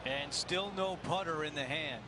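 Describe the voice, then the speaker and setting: A man's voice: a little high, moderate pace. A man giving live golf commentary as the lead announcer of a tournament broadcast. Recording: noisy outdoor crowd recording. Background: loud crowd and outdoor ambience.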